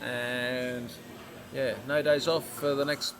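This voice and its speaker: A man's voice: mid-range voice, flat delivery, takes it slowly, background noise. An Australian man with a mid-range voice talks as a podcast host. His delivery is casual and colloquial. He rambles along in a laid-back, conversational way.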